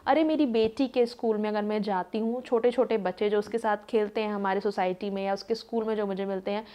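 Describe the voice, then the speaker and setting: Chatty woman telling a story, slightly high. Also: a little mellow, muffled recording. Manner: chatty, lots of fillers, acts out quoted voices. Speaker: vlogger. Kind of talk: casual storytelling monologue.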